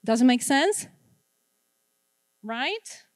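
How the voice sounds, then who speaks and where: Speaking extremely slowly in a high, animated voice, a middle-aged woman from Poland runs a wellness workshop before a live audience, with a Polish accent. She keeps people engaged by asking them questions and echoing their replies, and the audio is clean studio sound without echo.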